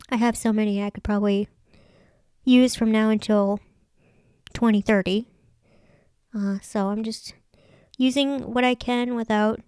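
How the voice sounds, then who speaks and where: Female craft vlogger, smooth and slightly high voice, chatty casual tutorial narration, close dry sound. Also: a little mellow, no room sound. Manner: chatty, thinking aloud. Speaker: craft vlog host.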